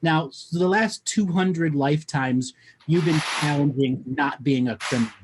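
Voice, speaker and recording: A man's voice: on the high side, unhurried, background noise. Blunt, coaching man host. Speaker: host giving spiritual readings. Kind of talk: call-in show chat.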